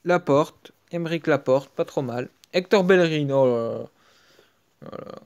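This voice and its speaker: A man with a French accent commenting casually as he opens card packs in a video game, muttering between loud excited outbursts. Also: fairly high pitch, moderate pace, clear, resonant tone, highs cut off. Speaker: gaming video creator. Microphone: screen-recording app mic.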